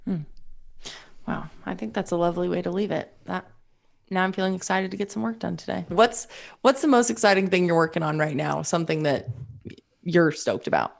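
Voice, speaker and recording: A woman's voice: on the low side, brisk, creaky. A woman hosting a podcast interview, encouraging her guest with frequent affirmations. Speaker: podcast host. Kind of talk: casual interview chat.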